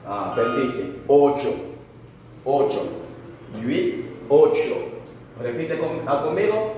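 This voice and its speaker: A man's voice: mid-range voice, big pitch swings, takes it slowly, dark tone, very echoey, long reverb tail, recorded from a distance, a little hiss or hum, low-quality recording. A man teaching a language lesson, patiently saying words and asking the learner to repeat after him.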